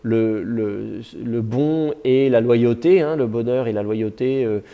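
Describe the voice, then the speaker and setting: A man teaching a class, explaining step by step with patience and many pauses and fillers. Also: mid-range voice, narrow, tinny audio. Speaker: Biblical Hebrew teacher.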